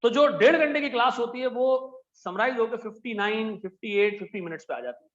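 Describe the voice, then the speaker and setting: A middle-aged man from Pakistan with a Pakistani Urdu accent, lecturing a class in a chatty, animated way with frequent "theek hai ji" asides. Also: very high voice, brisk, muffled recording. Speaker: accountancy teacher. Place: classroom with air conditioners and lights.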